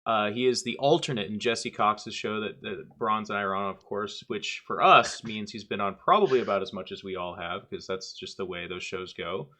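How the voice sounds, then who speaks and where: A man's voice: on the low side, normal speed, few pauses, sharp tone. A man hosting a casual podcast chat, joking and rambling loosely as he introduces the talk. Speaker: podcast host.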